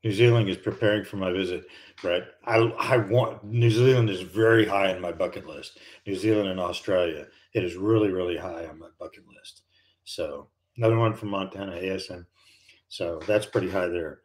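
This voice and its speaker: An older American man, a retired pilot, hosts a live stream, chatting casually and rambling with many fillers and restarts. His voice is low-pitched and moves at normal speed.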